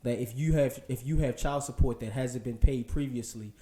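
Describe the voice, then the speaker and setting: A man's voice: medium pitch, moderate pace, echoey room. A man co-hosting a casual podcast, talking earnestly in long rambling turns. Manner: earnest, rambling, many restarts, trails off quietly. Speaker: co-host.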